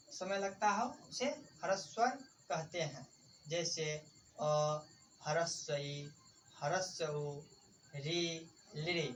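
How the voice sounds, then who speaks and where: A man's voice: sits high, a bit bright. A man teaching grammar in a video lesson. He asks questions and answers them himself, repeats key points, and calls his listeners friends. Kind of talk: classroom-style video lesson. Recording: distant mic with faint background noise.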